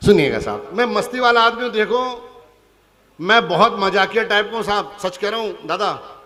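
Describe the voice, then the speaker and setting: A man's voice: high voice, expressive, moderate pace, sharp tone, long reverb tail. A man from Punjab performing stage comedy at a poetry gathering, teasing the audience in a chatty way. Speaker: stand-up comic poet. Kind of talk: hasya kavi sammelan stage comedy.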